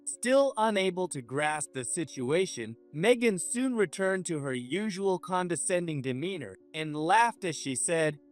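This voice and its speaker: A man narrating a scripted first-person story in an even, measured way. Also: high voice, soft background music.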